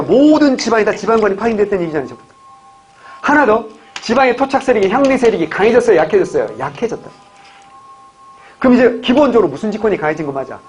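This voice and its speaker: A man from the Gyeongsang region teaching an exam-prep history lecture, constantly asking questions and answering them himself. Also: sits high. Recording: dull lo-fi recording, faint hiss.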